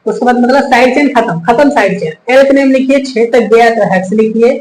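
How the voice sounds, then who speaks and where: A man's voice: very high voice, brisk, slight background noise. A male chemistry teacher giving a whiteboard lesson, patiently repeating steps, counting aloud and addressing his students as children. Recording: echoey room, faint ambience.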